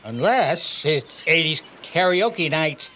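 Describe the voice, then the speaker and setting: An actor playing a gruff, salty old fisherman with a theatrical sea-dog drawl in a comedic noir audio drama. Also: on the high side, animated, slow, sharp tone, a little hiss or hum, full character voice. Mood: teasing. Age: older.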